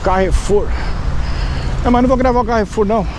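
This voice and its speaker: A man with a Paulista accent talks in a fairly high voice, wandering and repeating himself as he points out sights on a walking tour. He is recorded on an action camera outdoors on a city street, with clear traffic noise behind him. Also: fast talker. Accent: Paulista Brazilian Portuguese. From Brazil. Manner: rambling, repetitive, pointing things out. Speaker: vlogger. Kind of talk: casual walking-tour narration. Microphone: action camera carried while walking.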